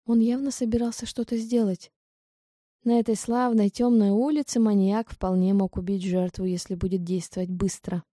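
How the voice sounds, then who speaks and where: A woman reading a first-person audiobook in an even, steady storytelling manner. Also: medium pitch, normal speed, no echo, clean studio sound. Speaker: audiobook narrator.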